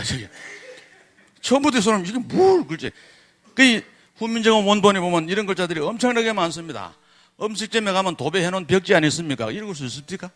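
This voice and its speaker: A man's voice: sits high, fairly bright tone. A man giving a public lecture, asking the audience rhetorical questions and sounding out letters to demonstrate them. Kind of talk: public lecture on Korean script.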